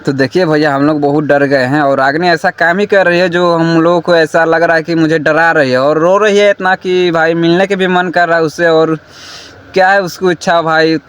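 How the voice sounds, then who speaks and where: A man's voice: fairly high pitch, fairly even intonation, normal speed, fairly bright tone, clear, resonant tone, no echo. A man vlogging a night ghost hunt in an abandoned hut, calling out nervously and pleading with an unseen spirit. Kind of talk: spooky exploration vlog narration.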